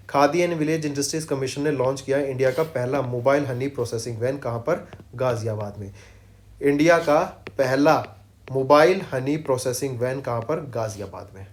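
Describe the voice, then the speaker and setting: A man teaching an exam-prep current affairs lesson, switching between Hindi and English, quizzing students with quick questions and answering them himself. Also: a little high, darkish tone. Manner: drills facts with quick quiz questions and repeats, mixing English phrases into Hindi; slows right down to read English lines word by word.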